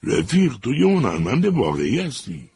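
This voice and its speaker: A man's voice: mid-range voice, wildly swooping pitch, vocal fry, a little mellow, slightly rough, pitched above the performer's own voice, heavily acted. A man voicing a hot-headed male prison guard with a mocking, commanding way of speaking.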